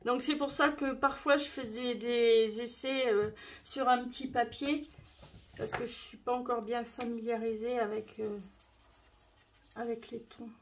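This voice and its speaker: A woman's voice: a little high, steady tone, measured pace, slight background noise. A woman demonstrating a crafting tutorial, chatty and explaining as she works. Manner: chatty, explaining while working.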